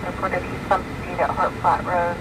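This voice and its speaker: A man's voice: high-pitched, monotone, moderate pace. A male police dispatcher reading codes and plates in clipped phrases over a police radio transmission. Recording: distant, noisy scanner radio.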